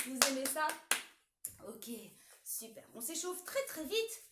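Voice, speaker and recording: A woman hosting a children's music show from her home, playfully leading a warm-up and talking straight to the young viewers. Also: high voice, sing-song, a little slow, roomy sound, heavy background noise. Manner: playful, addresses children directly.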